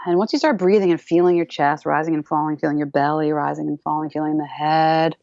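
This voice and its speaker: A woman with a lowish, gravelly voice talks as a guest on a podcast. She is animated and playful, slipping into little acted-out voices and laughing easily. The sound is dry and a bit dull, like a lo-fi recording. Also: fast talker, no room sound. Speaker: dance teacher guest. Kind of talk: enthusiastic podcast interview.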